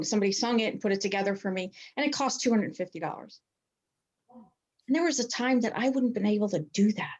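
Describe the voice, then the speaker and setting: A woman's voice: mid-range voice, a little mellow. A middle-aged woman coach sharing on a group video call, emotional and earnest as she encourages newer members. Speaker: health coach.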